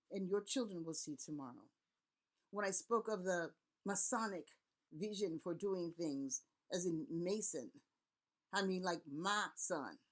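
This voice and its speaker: The voice is lowish and a bit bright. It belongs to a middle-aged Vodou priest and elder from Haiti giving an impassioned, earnest, rallying address to camera marked by repeated words and long lists.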